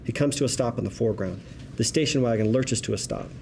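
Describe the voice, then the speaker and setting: Narrating the action of a screenplay as stage-direction reader, this man speaks fast with vocal fry. His voice has a medium pitch and a soft, dark tone, and a bit of noise sits behind it.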